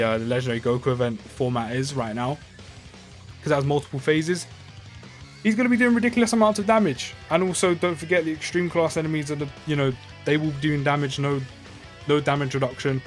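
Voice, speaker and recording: A man giving casual, rambling commentary while playing a mobile game, full of fillers and restarts. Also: on the high side. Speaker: gaming YouTuber.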